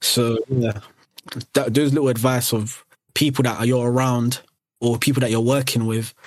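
A man's voice: mid-range voice, little pitch movement, moderate pace. A young man from Eritrea and Sudan, telling rambling anecdotes in casual chat with many restarts. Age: young adult. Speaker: podcast guest.

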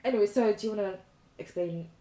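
Chatty co-host: woman, South London accent, mid-pitched, playful slangy arguing, echoey room recording. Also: quick pace, dark tone. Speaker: podcast co-host. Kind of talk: casual chat. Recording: roomy, echoey sound.

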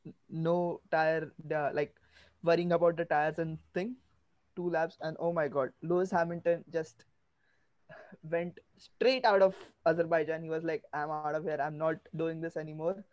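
A man's voice: fairly high pitch, a little mellow, no room sound, lo-fi sound. A man in casual chat, exclamatory and repeating his phrases as a motorsport panelist.

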